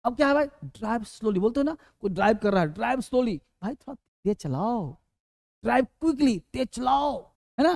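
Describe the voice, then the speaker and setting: A man's voice: very high-pitched, expressive, brisk, vocal fry, darkish tone, dry recording. Guy teaching english phrases, says em over and over, asks then answers himself, dry sound. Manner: drills phrases by repeating and asking questions he answers himself. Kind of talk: classroom-style lesson.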